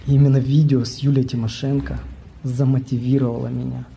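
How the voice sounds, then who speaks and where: A man in his thirties recording a low-key video message while lying in bed, speaking into an earphone mic. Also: little pitch movement, a little fast, vocal fry, warm tone, a little hiss or hum. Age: 30s. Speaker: contest entrant. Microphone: earphone mic, phone close up.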